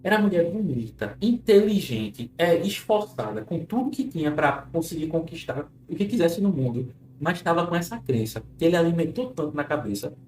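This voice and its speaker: A man's voice: fairly high pitch, expressive, brisk, hardly any pauses, a little mellow. A Brazilian man speaking as a therapist and hypnosis teacher, reassuring and instructive as he leads an informal guided self-care session. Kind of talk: informal live talk moving into guided relaxation. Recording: roomy echo with faint music.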